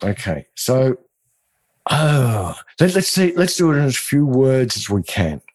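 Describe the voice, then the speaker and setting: A man's voice: mid-range voice, very animated, a little slow, darkish tone. Man explaining eagerly with restarts. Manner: enthusiastic, explaining, stammering restarts. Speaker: co-host. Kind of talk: casual business chat.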